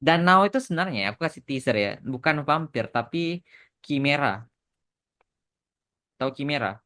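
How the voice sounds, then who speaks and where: With a fairly high, sharp-toned voice and animated delivery at a moderate pace, this man from Indonesia talks about his animation work on a podcast. He keeps the conversation casual, mixing in English phrases as he explains.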